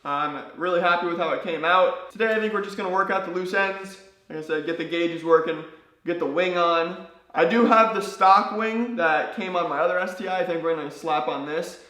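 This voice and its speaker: A hoarse young man losing his voice, chatting casually to his vlog audience in a garage, rambling with plenty of fillers. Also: high voice, brisk. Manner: relaxed, rambling, many fillers. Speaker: car-build YouTuber. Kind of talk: casual vlog talk to camera. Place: home garage. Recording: echoey garage.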